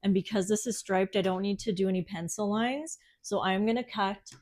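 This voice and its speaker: A woman's voice: mid-range voice, normal speed, darkish tone. A young woman vlogging her DIY bathroom renovation in a chatty, self-mocking and flustered way, recorded on a phone. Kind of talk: casual vlog narration while working. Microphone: phone camera. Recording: echoey bathroom with faint clicks.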